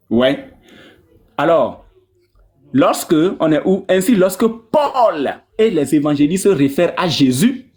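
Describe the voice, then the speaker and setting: Speaking in a high-pitched voice, a man from Togo offers combative religious commentary with a mocking, animated tone, hammering home his points by repeating phrases.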